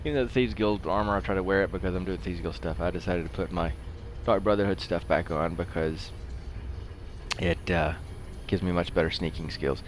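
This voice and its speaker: Here a gaming video host speaks a little fast in a deep voice, with slight background noise. The middle-aged man rambles casually while playing a video game, chatting away to himself.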